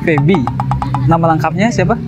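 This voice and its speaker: A man's voice: on the high side, moderate pace, loud music behind the voice, rough recording. A man in his twenties chatting and explaining as a street interviewer, recorded outdoors by a road. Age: 20s. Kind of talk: casual street chat.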